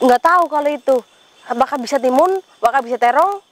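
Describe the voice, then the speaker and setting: A woman's voice: sits high, fast, a little hiss or hum. A woman on a ghost-hunting vlog, asking questions aloud, repeating the answers to viewers and exclaiming pious phrases. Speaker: paranormal vlogger relaying a spirit.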